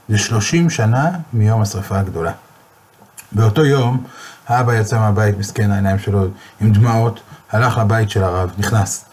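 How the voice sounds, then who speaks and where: Husky man telling a moral tale. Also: fairly low pitch, a little mellow. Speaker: storyteller. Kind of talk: storytelling sermon.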